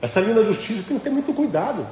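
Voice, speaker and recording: A man lectures a religious class in an emphatic, questioning way, his voice high and swinging widely in pitch. The recording is dull and lo-fi, and the sound rings through a large echoing hall with a faint hiss underneath. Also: very animated, racing, a little mellow. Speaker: spiritual teacher.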